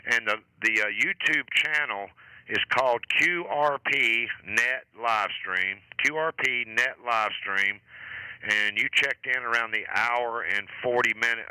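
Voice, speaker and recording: Bright, crisp-voiced man hosting a radio net. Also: medium pitch, no room sound, poor audio. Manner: informal, chummy, with radio sign-offs. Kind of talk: casual amateur radio net chat.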